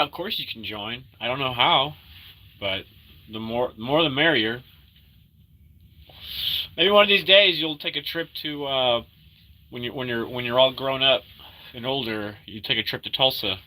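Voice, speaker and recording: A man's voice: medium pitch, pushed and bright, poor audio. An American man hosting a casual livestream, rambling in upbeat slang and repeating short phrases over and over. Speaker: livestream host.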